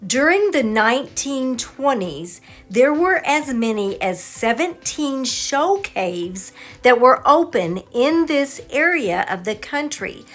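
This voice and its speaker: Slow, lively woman narrating over music. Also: high voice. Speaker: travel vlogger and narrator. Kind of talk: scripted travel narration.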